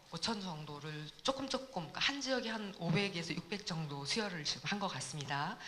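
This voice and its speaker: Bright-voiced woman giving an opening address. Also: sits low, slight background noise. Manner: rambling with fillers and restarts. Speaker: education support center director. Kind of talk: opening address at a community forum.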